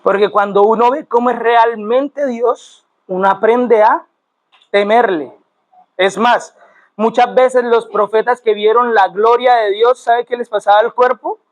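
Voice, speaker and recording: A man's voice: very high-pitched, steady tone, unhurried, muffled recording. A male pastor, preaching to a church and explaining words step by step with repeated phrases and questions to the congregation. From Colombia. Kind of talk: sermon teaching. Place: church sanctuary.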